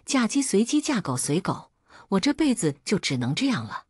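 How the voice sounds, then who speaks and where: A woman storyteller voicing a timid, sorrowful young wife who talks in a resigned, mournful way, with a husky voice. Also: mid-range voice, very animated, moderate pace, a little mellow, no echo, studio quality, pitched above the performer's own voice.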